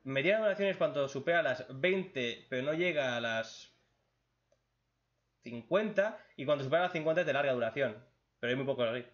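A man's voice: medium pitch, expressive, fairly quick. Blunt Spanish-man in lo-fi chat. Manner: blunt, crude, joking, reads questions aloud then answers. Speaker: YouTube host answering viewer questions. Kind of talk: casual Q&A chat.

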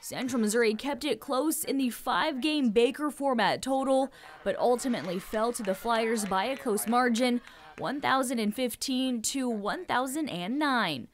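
A woman reading a scripted sports recap voice-over, in an even tone. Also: fairly high pitch, moderate pace. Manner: even, reads scores and results. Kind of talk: scripted narration.

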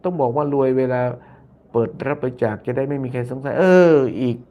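On his casual live stream, a male YouTube host talks at a mid-range pitch, fairly quickly, in a muffled recording. He reads viewer comments aloud and mulls them over, circling back on his own phrases and softening lines with polite particles.

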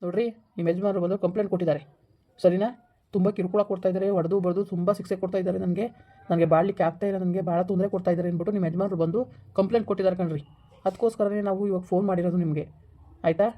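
A woman's voice: on the low side, fairly even intonation, rapid-fire, highs cut off, lightly acted. A woman voicing a stern, bullying male police officer who scolds and threatens a village wife over the phone in a comedy skit. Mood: officious.

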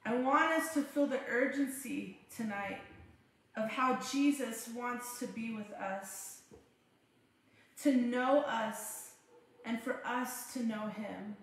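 High-voiced woman preaching in an echoey room. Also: takes it slowly. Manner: fervent, repeats phrases for emphasis. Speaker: pastor. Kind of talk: sermon.

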